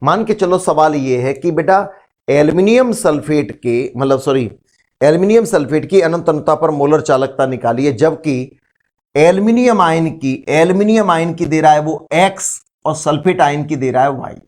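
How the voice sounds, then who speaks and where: A man's voice: on the high side, expressive, normal speed, darkish tone. Man teaching chemistry, question-and-answer style. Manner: explains step by step, asks rhetorical questions, calls students "beta". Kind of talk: classroom lecture.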